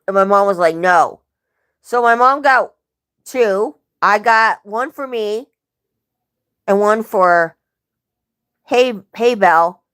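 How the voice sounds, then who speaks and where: A young woman chatting on a livestream, telling rambling family stories and often correcting herself. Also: mid-range voice. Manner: rambling, self-correcting storyteller. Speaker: livestream host. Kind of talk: casual livestream chat.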